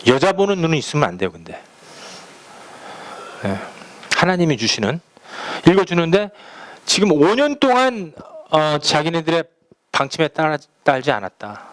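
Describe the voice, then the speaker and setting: Korean pastor telling a story from the pulpit. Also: male voice, fairly high pitch, sing-song, moderate pace, pauses often, fairly bright tone. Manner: conversational storytelling, acts out quoted phone calls. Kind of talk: sermon with personal anecdotes.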